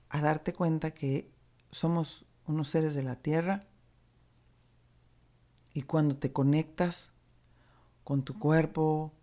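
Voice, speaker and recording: Low-voiced Mexican woman, frank and warm-toned. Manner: candid and earthy, mixing gentle encouragement with casual swearing. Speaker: recovery speaker. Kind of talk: reflective motivational monologue.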